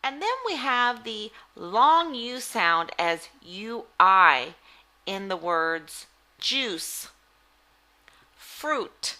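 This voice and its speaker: A woman giving a phonics lesson as a reading teacher, deliberately enunciating words in an instructional way. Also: medium pitch, expressive, sharp tone, poor audio. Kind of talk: phonics lesson, word-by-word articulation drill.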